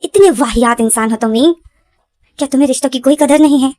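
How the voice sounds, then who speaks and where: A woman voicing a stern, middle-aged father who scolds loudly as she narrates a story. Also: high voice, fast, no room sound, close to an everyday voice. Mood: furious. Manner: loud, scolding. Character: stern angry father, a man in middle age.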